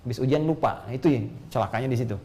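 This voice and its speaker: A middle-aged man preaching a sermon, animated and questioning his audience, his voice leaping to high emphatic peaks and dropping to quiet asides. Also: quick pace. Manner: asks the audience questions and mimics foreign speech. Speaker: Islamic preacher.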